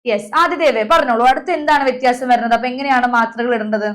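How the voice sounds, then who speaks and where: A woman's voice: on the high side, fast talker. A young woman teacher leading an online class, calling on students by name and drilling letter sounds over a video call.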